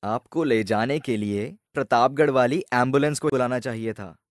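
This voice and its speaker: A calm, smiling village man, as a man voices him in a storybook tale, explaining things at a patient pace. His voice is mid-pitched for a man and sounds plain and everyday. The recording is dry and close. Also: normal speed, no room sound, lightly acted. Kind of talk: storybook voice acting.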